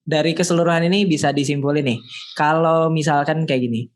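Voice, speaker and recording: Male podcast host, easygoing interviewer, somewhat high pitch, thinks aloud. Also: fairly quick. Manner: relaxed, thinks aloud with fillers while framing questions. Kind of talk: casual interview chat.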